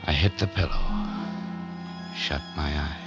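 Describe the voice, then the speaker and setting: An actor with a very deep voice and a measured pace plays a man who is broke and on the run. He tells his story in clipped, slangy 1940s radio noir fashion, tense and weary, over music on a muffled old recording.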